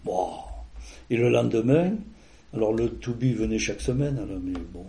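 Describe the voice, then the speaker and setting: A man with a warm, mellow voice speaks in a casual, conversational way, as if sharing memories with an interviewer. His speech rambles, full of fillers and restarts. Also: on the low side, moderate pace, vocal fry. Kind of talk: casual personal storytelling.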